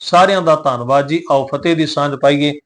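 A man with a fairly high voice gives a recitation lesson. He chants verses slowly and measuredly. Between the verses he explains pronunciation patiently and repeats each point. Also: a bit bright. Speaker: scripture teacher.

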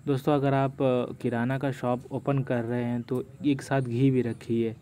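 A young man hosting a screen-recorded vlog, often saying "friends" and reading prices aloud in a steady walkthrough. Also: medium pitch, measured pace, slight background noise. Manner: repeats "doston" often, reads prices aloud. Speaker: YouTube host.

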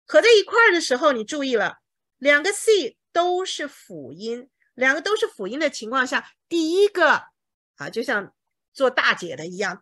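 A woman teaching an English lesson, patiently explaining with homely comparisons and slowly repeating words to drill their pronunciation. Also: fairly high pitch, fairly bright tone, no room sound, clean studio sound. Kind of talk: language lesson.

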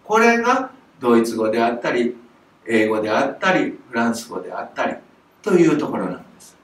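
Animated older man teaching, roomy echo. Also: mid-range voice, a little fast, distant mic. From Japan. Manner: animated, demonstrates sounds with strong breath. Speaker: music teacher. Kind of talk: lesson to camera. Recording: roomy echo, voice from off the mic, faint noise.

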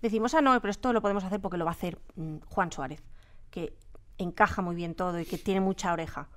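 In a radio drama studio, an interview guest who produces audio drama and does sound design talks casually and quickly in a voice on the low side. She has a Spanish accent from Spain, explains emphatically, and repeats words as she gropes for phrasing.

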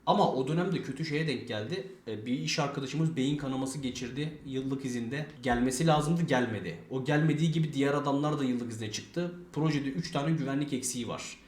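Fast-talking swearing man, echoey room. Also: mid-range voice, darkish tone. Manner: fast, rambling, swears a lot, acts out quoted dialogue. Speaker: streamer telling a story. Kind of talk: casual storytelling with heavy swearing.

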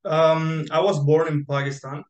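A man's voice: on the high side, flat delivery, a little slow. A young man who grew up in Spain, telling his story as an interview guest on a video call, rambling with many fillers and restarts. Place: bright room indoors. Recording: echoey room on video call.

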